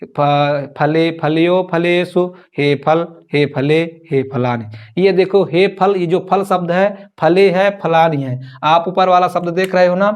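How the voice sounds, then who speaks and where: A male teacher giving an exam-prep lesson, slowly chanting word forms in a sing-song way and explaining them with chatty repetition. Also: a little high.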